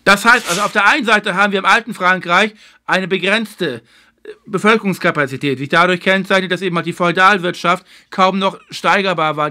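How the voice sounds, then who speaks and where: Bright-voiced man giving a history lecture. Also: sits high. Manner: measured, explanatory, stresses key points; filler phrase "eben halt". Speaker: lecturer and host of a video series.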